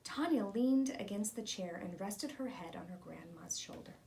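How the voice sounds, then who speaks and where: A woman reads a children's storybook aloud, narrating expressively. Her voice is mid-range and creaky, she speaks at a normal speed, and there's slight background noise.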